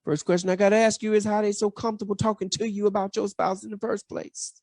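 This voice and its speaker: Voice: mid-range voice, little pitch movement, fast talker, a little mellow, no echo. A pastor preaching a sermon, building emphasis through rhetorical questions and repeated phrases. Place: church.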